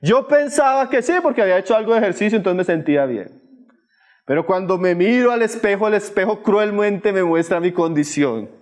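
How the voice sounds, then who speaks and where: A man preaching a sermon, slow and emphatic with dramatic pauses. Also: high-pitched, darkish tone.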